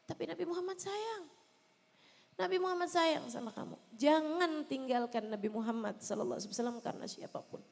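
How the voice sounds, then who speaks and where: A woman preaches in a big, reverberant hall. She talks straight to the wives in the room, hitting some lines loud and sinking others into soft pleading. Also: sits high, a little fast, vocal fry. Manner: impassioned, addressing wives directly, swinging between loud emphasis and soft pleading. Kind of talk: sermon. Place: large hall at a religious celebration.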